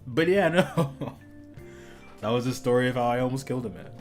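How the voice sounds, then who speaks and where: With soft music behind him, a young man rambles through casual chat while streaming a game, laughing frequently and leaning on "dude" and "like." His mid-range voice is a little mellow and fairly quick.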